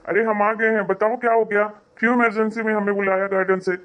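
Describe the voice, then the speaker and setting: A woman's voice: mid-range voice, level tone, quick pace, fairly bright tone, natural voice. A woman voicing an impatient cartoon husband. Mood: questioning. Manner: questioning, impatient. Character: puzzled husband of the family, man. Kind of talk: cartoon voice acting.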